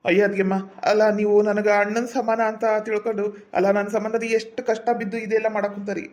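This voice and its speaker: A man's voice: high-pitched, little pitch movement, fast. A man with a North Karnataka accent, talking politely and sentimentally as a visiting brother-in-law in a comedy sketch.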